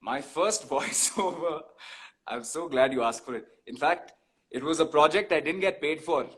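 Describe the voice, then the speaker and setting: A young man with a rather high voice chats in a playful, joking way as an interview guest. He restarts sentences often and talks through his voice work with easy humor. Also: normal speed, a bit bright. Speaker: guest, voice artist. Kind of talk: casual interview chat.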